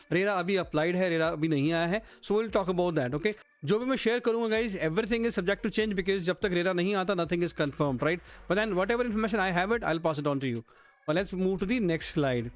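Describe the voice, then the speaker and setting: High-voiced man walking through slides. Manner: code-switching, addresses viewers as friends and guys. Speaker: real-estate channel host. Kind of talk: presenting slides to camera.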